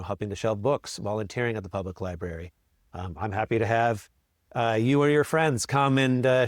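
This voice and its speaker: A school librarian answers interview questions in a friendly manner, with ums and repeated words. His voice is fairly low-pitched, and the studio-quality recording has no echo.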